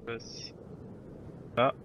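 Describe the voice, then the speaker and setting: A man's voice: extremely slow, a bit bright, dull audio, slight background noise. A man playing a tabletop game, explaining the rules and thinking aloud. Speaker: player. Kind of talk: tabletop game play over voice chat.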